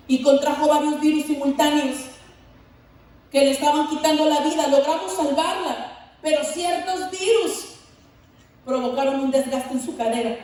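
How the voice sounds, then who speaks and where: A grave male doctor breaks hard news in slow, solemn words, voiced by a Mexican woman preacher. The voice sits high. It echoes heavily from far off in a church hall. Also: darkish tone. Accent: Mexican Spanish.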